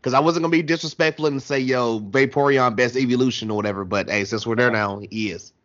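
A man's voice: medium pitch, quick pace, fairly bright tone. A man hosting a casual gaming interview in an informal, slangy way. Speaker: podcast host. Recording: dull, lo-fi audio.

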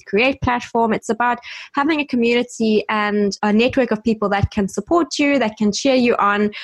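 A woman co-hosting a podcast in casual chat, talking brightly and laughing often, with high giggles. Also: no room sound. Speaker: podcast co-host.

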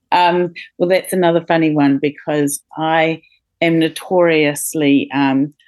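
Low-voiced hesitant woman, dry sound. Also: fairly even intonation, takes it slowly, a little mellow, no room sound. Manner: hesitant, many fillers, laughs often. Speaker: podcast guest, company co-founder. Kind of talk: casual interview chat.

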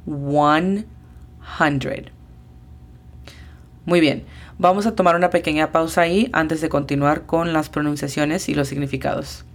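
A woman's voice: low voice, fairly even intonation, fairly quick. A woman teaching an English lesson in a podcast, patiently spelling out pronunciations letter by letter.

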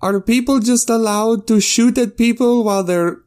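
Man playing an indignant male adventurer, high raised pitch, incredulous, complaining, tabletop game character. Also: normal speed, darkish tone. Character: indignant, baffled male adventurer asking pointed questions.

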